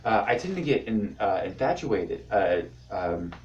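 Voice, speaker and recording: Young man, amateur confessional comic, animated pitch, halting delivery, slightly distant camera mic. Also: dull audio. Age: 20s. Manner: halting, many fillers and restarts, sudden whispers. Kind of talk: rambling confessional monologue to camera.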